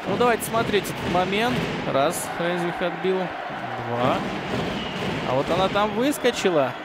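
A man commentating live on ice hockey, with excited goal calls. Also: sits high, a little slow, a loud crowd. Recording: very noisy arena, loud background ambience.

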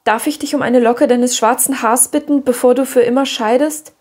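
A dreamy, dramatic orphan girl, put on by a woman reading aloud pours out grand, theatrical phrases in a higher voice. She sounds like a storybook heroine with a big imagination. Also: fairly even intonation, normal speed, a little mellow. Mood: solemn, romantic.

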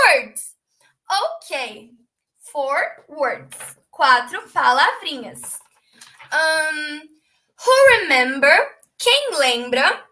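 Very high-pitched, lively teacher. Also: female voice. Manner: dramatic gasps, switches between two languages. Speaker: English teacher. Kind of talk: bilingual storytelling lesson.

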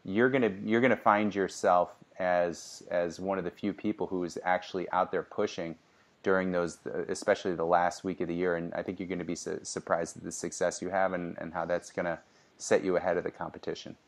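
A man's voice: low voice, level tone, brisk. A man co-hosting a casual sales podcast, giving upbeat coaching advice with frequent restarts. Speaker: podcast co-host.

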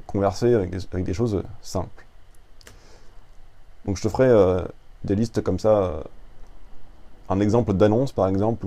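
A man's voice: lowish voice, warm tone. A man giving a casual screen-recorded tutorial, chatting informally with lots of fillers and restarts while typing at his computer. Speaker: Japanese tutor.

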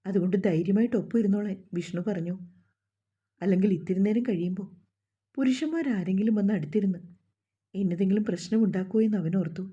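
A woman storyteller reads a scripted story in a steady, emotive way. Her voice is mellow and husky. The recording sounds dull and lo-fi. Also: medium pitch.

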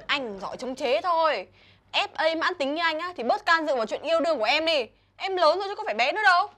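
A young woman plays a pert younger sister in a comedy short film, talking back to her older brother. Her voice is very high and bright. She sounds sharp and teasing. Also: expressive, fast. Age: young adult.

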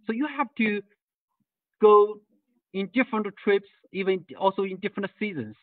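Speaking at a normal pace, a guest speaker from Tibet gives an online birding-tour lecture in a voice that sits high. His words, full of fillers and false starts, reach us far from the mic through a tinny video call with no room sound.

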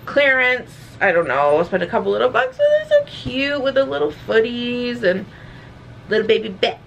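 A woman's voice: fairly high pitch, wildly swooping pitch, moderate pace, creaky, a bit bright, highs cut off, slight background noise. Breathless, chatty young woman vlogger. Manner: chatty and rambling, with frequent fillers and laughs. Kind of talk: casual chat.

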